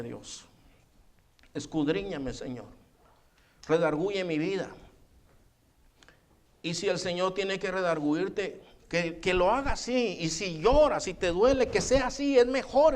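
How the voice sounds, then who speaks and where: A man's voice: sits high, normal speed, a little mellow. A man preaching a sermon and leading a fervent closing prayer, calling out "hermano" and "Señor" as refrains. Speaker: pastor. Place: church.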